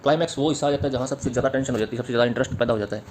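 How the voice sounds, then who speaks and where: Man, literature teacher, very quick delivery, mid pitch, explanatory lecture, repeats key points. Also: noisy background. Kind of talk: exam-prep lecture mixing Hindi and English.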